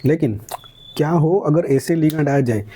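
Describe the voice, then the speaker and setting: A man's voice: fairly high pitch, normal speed, warm tone, slight background noise. A man teaching a chemistry lesson, explaining step by step and answering his own questions, mixing English words into Hindi. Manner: adds "ठीक है?" after each point. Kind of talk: classroom lecture.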